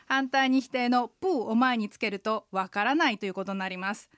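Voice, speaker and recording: A woman in her forties hosting a radio language lesson, explaining pronunciation slowly and carefully. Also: fairly high pitch, a bit bright, clean tone, no echo, studio quality.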